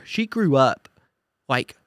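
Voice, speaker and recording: A young man co-hosts a podcast in an easygoing, agreeable way and turns enthusiastic when he gets onto a topic he likes. His pitch sits in a mid range. The recording is dry and close. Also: expressive, slow, a bit bright, dry recording. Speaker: podcast co-host. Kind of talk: casual chat.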